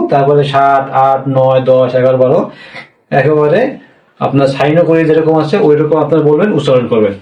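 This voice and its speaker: A man teaching a Korean lesson in Bengali, speaking slowly and repeating each word with a checking "yes?". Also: fairly high pitch, a little mellow. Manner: slow, repetitive, checks with "হ্যাঁ?". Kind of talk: classroom language lesson. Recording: echoey room, voice from far off.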